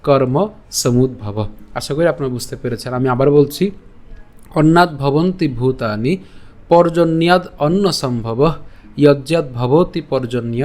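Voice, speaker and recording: A young man gives an online lesson on reciting a verse, breaking each word into syllables and pausing to check in with listeners. His voice sits a little above the usual male range. He explains in a patient, careful way. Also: fairly high pitch, darkish tone. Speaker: Sanskrit recitation teacher.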